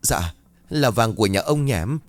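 A man's voice: fairly low pitch, lively intonation, measured pace, no room sound, soft background music. A man voicing a frightened young village man who sobs and stammers as he begs not to be arrested. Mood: pleading. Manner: pleading, sobbing, stammering.

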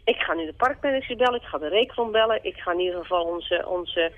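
A man being interviewed, speaking in a hesitant, halting way. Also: sits high, animated, no echo. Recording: tinny phone line.

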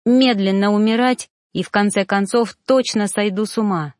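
A woman's voice: mid-range voice, moderate pace, a little mellow, no echo, studio quality. Woman narrating a dramatic novel. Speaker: audiobook narrator. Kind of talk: first-person novel narration.

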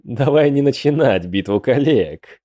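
A man's voice: medium pitch, animated, unhurried, dark tone, no room sound, clean studio sound, close to an everyday voice. A man voicing a sneering goat-faced demon clown with a mocking manner.

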